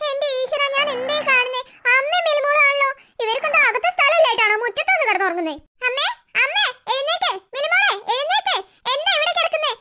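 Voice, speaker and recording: A voice actor playing a harried, sharp-tongued mother who complains and bosses her husband around. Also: extremely high pitch, lively intonation, fast, heavy background noise. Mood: alarmed. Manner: complaining, bossy. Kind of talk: cartoon voice acting.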